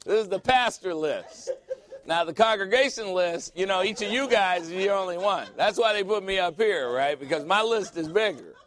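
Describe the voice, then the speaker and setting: A man's voice: high voice, moderate pace, a bit bright. A male pastor preaching a sermon in a church, joking and conversational with sudden emphatic swings.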